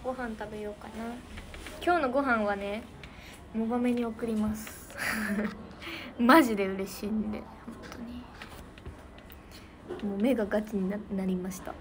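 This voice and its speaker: A woman's voice: mid-range voice, steady tone, normal speed, pauses often. A young woman with a Niigata Japanese accent chatting casually with fans on a livestream, giggly and thanking viewers by name. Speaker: idol livestreamer. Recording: noisy background.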